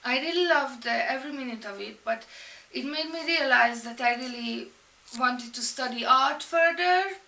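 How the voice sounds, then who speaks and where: A woman in her thirties with a Hungarian accent introduces herself, halting and full of ums and restarts. Her voice sits high, bright and a little gravelly. She is recorded a bit away from the mic in an echoey room. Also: far from the mic. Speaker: art and fashion student. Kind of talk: personal introduction video.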